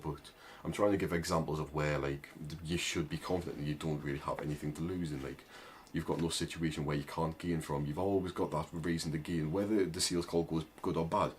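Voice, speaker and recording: A young man who owns an agency and vlogs talks casually to camera with a thick northern English accent, rambling through advice peppered with "like" and "right?". His pitch is extremely low. A slight background noise can be heard.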